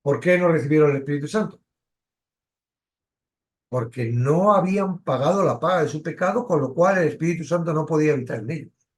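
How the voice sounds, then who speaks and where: A man from teaching a Bible study, asking questions and stressing key words. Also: on the high side. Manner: questioning, emphatic, pauses and restarts.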